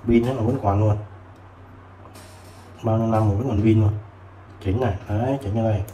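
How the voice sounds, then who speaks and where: A man selling used tools who chats casually while showing old multimeters, filling pauses with short words. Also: on the low side, fairly even intonation, dark tone. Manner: chatty, fills with "đấy" and "rồi". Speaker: used tool seller. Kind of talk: casual product demo. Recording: roomy with faint background noise.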